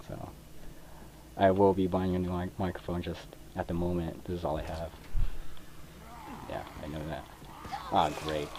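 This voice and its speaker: A young man from Mexico, who makes gaming videos, chats casually over his gameplay, hesitant and rambling with many fillers. His deep, warm voice has little pitch movement, runs a little slow and pauses often; the low-quality recording from a cheap computer mic carries slight background noise and controller clicks.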